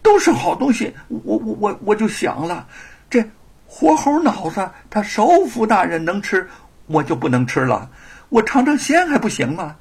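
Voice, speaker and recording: A man's voice: high-pitched, big pitch swings, moderate pace, slightly rough, pitched above the performer's own voice, full character voice. A man voicing a poor young male thief who stammers and repeats his words, sheepish and pleading.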